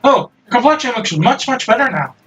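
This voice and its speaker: A man's voice: very high-pitched, sing-song, a little fast, a bit bright, highs cut off, voice pushed up, heavily acted. A man voicing a cheerful, polite android girl who talks in a formal, chirpy, apologetic way. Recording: distant mic, faint music.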